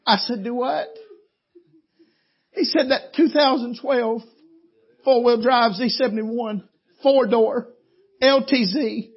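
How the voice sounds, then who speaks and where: A man's voice: very high voice, takes it slowly, pauses often, slightly rough. A male preacher, telling a folksy story in a sermon. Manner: folksy, animated storytelling with laughs. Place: church meeting. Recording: dull lo-fi church audio.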